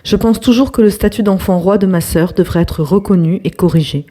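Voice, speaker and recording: Reading an online post aloud, this young storytelling host speaks in a mid-range voice at a slightly quick pace. She keeps things lively, dropping into hushed asides and chatting with her viewers along the way.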